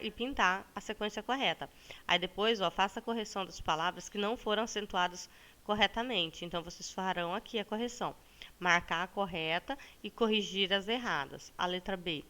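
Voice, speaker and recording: Bright, clear Brazilian woman teacher. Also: medium pitch. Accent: Brazilian Portuguese. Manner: patient, stretches words slowly to show the stressed syllable; ends phrases with a checking "tá bom?". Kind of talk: recorded classroom lesson for students.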